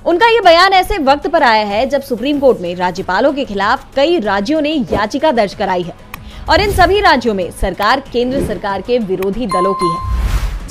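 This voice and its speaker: A woman news anchor presenting scripted breaking news with an emphatic, dramatic delivery. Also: a little high.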